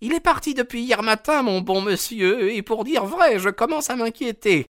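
A man voicing a loud, worried working-class boatman's wife in an audiobook, chattering and fretful. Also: very high voice, expressive, moderate pace, no echo, clean studio sound, voice pushed up. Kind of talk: audiobook character voice.

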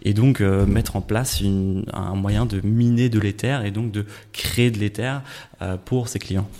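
A Frenchman with a lowish, dark, mellow voice explains things in an interview. He hesitates often and fills his pauses with ums. His answers run long and unhurried. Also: fairly even intonation. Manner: hesitant, many "euh" fillers.

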